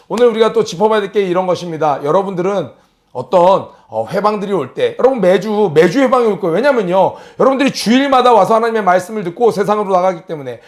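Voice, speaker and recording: High-voiced male pastor preaching. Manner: asks the listeners questions, acts out mocking voices. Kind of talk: sermon. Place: church service streamed online.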